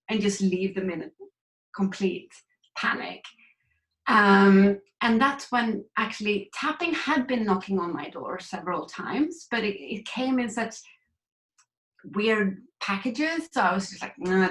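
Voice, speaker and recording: At a measured pace, a woman from Sweden with a mid-range, fairly bright voice talks candidly and reflectively about her story as a grief recovery coach in a conversational interview. The audio is poor and reverberant.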